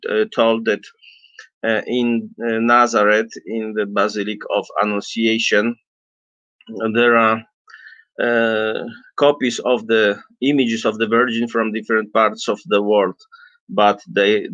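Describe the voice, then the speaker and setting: A man in his fifties explains things off the cuff in non-native English. He speaks slowly and haltingly at a medium pitch, searching for words. The webcam recording is dull and lo-fi, with little room echo. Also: a bit bright. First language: not English. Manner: halting, hesitant, searching for words, frequent throat-clearing. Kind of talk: unscripted explanatory talk. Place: small indoor room with bookshelves.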